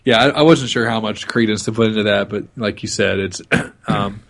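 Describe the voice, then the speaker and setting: A laid-back man with a fairly low voice co-hosting a podcast. He laughs along easily and answers with short, easy agreements. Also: moderate pace, creaky, a bit bright. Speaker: podcast co-host. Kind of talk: casual podcast chat.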